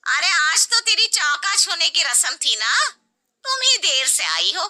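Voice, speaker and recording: A woman's voice: high voice, sing-song, a little slow, voice pushed up, heavily acted. A woman voicing a reproachful, traditional middle-aged aunt-in-law who scolds the family. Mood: scolding. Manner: sharp, reproachful.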